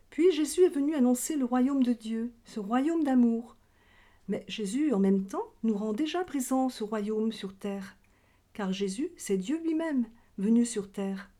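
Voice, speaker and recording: Her voice is a little high and mellow. This woman is a catechism teacher leading a children's religion lesson in question-and-answer form, keeping her explanations simple for a young audience.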